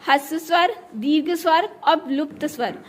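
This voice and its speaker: High-voiced woman teaching a grammar lesson. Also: moderate pace. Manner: explains step by step, repeats "ठीक है" to check in. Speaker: school teacher.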